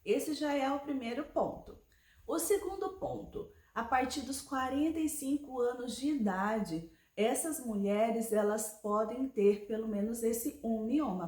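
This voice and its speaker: A woman in her forties explaining a health topic in a conversational personal vlog, often checking in with the viewer. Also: fairly high pitch. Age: 40s. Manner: conversational, explanatory, with frequent tag questions. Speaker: vlogger. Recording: echoey room.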